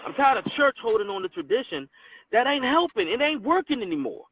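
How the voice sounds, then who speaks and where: A man's voice: extremely high pitch, very animated, brisk, a crowd in the background. Agreeable man on a tinny phone line. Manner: affirming, chimes in with agreement. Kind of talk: casual Bible study discussion.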